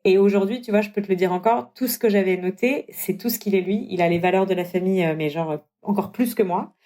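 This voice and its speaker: A young woman tells her own story in a relaxed podcast chat. Her pitch sits in the middle, and she jumps up high when she mimics people or gets worked up. The delivery is animated and casual. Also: fast. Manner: animated, acts out dialogue with big pitch jumps. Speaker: guest telling her story.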